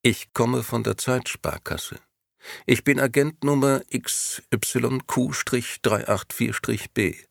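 A man voicing a cold, persuasive grey male agent who talks in a clipped, insistent sales pitch. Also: slow, gravelly, no room sound, clean studio sound. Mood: coldly persuasive.

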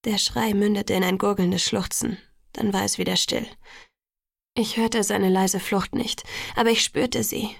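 Brief: woman narrator, gravelly texture, dry close studio sound, measured audiobook read. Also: mid-range voice, steady tone, no room sound. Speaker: audiobook reader. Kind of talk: first-person audiobook narration.

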